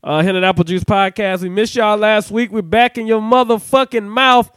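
A man's voice: sits high, fairly even intonation, moderate pace, fairly bright tone, a little hiss or hum. A man hosting a casual podcast, hyping up the show intros and cursing freely as he talks. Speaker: podcast host and DJ.

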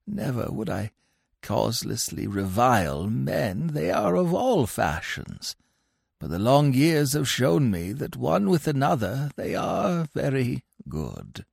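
A sanctimonious old crocodile, put on by a man, pitched higher and louder than the narration. He lingers slowly over each pious phrase, and his voice swoops up and down with gravelly rasp underneath. The sound is close and dry. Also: sing-song, no echo, heavily acted. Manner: gentle, preachy, drawn-out.

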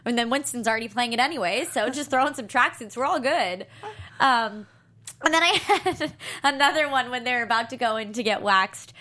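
A woman's voice: a little high, moderate pace, bright, forceful tone. A young woman co-hosting a podcast, chatting casually and emphatically with a giggly manner. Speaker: podcast co-host. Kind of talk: casual chatty TV recap conversation.

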